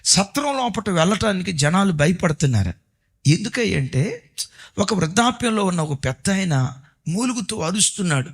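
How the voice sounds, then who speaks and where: A male pastor telling a story in a sermon, dramatic, swinging between loud and hushed delivery. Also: high voice, big pitch swings, moderate pace.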